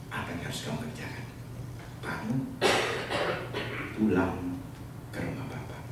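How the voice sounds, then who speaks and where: A man preaching a sermon as pastor, telling a story with lively asides and bits of English. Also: low-pitched, heavy background noise. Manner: animated storytelling, mixing in English phrases. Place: church sanctuary. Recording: echoey church hall from far off.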